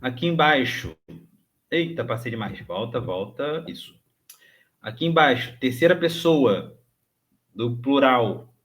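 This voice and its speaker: Slow, patient man teaching. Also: medium pitch, a bit bright. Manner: patient, repeats each word slowly, ends phrases with "tá?"; clears throat, thinks aloud with hesitations. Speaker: Hebrew teacher. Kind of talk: recorded online grammar lesson.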